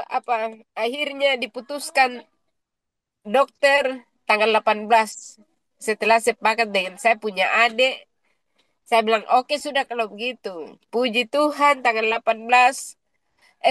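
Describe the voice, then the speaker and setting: High-voiced woman with Papuan accent. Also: dry recording. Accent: Papuan Indonesian. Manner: lively storytelling, acting out quoted dialogue. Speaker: guest giving a testimony. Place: radio studio.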